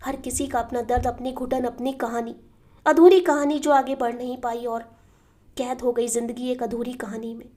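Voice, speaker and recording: A woman storyteller reading a literary short story aloud, soft and sorrowful with dramatic pauses. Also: fairly high pitch, steady tone. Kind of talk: emotional literary narration.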